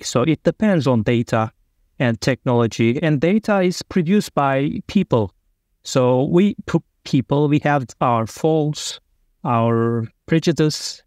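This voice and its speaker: A man's voice: mid-range voice, a little mellow, no echo. Turkish-accented man, dry close sound. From Turkey. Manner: earnest, loosely phrased non-native English. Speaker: guest. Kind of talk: remote interview.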